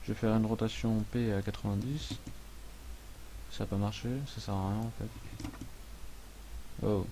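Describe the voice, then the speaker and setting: A man hosting a casual software tutorial, thinking aloud as he works, with frequent hesitations and friendly, self-mocking asides. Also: fairly low pitch, flat delivery, normal speed, pauses often, slight background noise. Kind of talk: casual screen-recorded tutorial.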